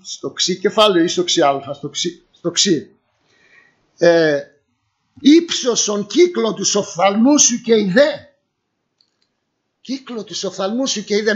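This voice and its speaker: A middle-aged man preaches in a church hall, his voice sitting high for a man. He reads scripture aloud, then explains it through questions he answers himself. The recording is dull and lo-fi. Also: fairly bright tone. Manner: asks rhetorical questions and answers them. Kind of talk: sermon.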